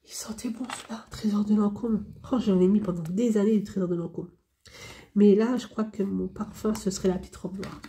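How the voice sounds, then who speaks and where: Candid rambling woman vlogger, mellow voice. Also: mid-range voice, steady tone, brisk. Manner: candid, rambling, repeats herself. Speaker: hobby vlogger. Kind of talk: casual chat answering a question tag.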